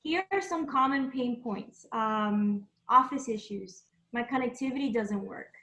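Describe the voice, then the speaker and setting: High bright-voiced woman presenting a webinar. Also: a little slow. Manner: conversational, loose with frequent ums and asides. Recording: roomy echo.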